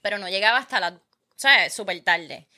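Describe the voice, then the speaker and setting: A woman tells an animated, profane story in casual chat and acts out the quotes. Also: mid-range voice, fairly quick.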